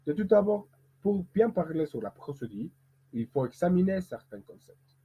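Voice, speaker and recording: A man who is a musician, teaching pronunciation and speaking as a learned language, who demonstrates rhythm slowly and deliberately. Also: high voice, very animated, husky. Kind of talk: explanatory lesson. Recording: tinny, phone-like sound.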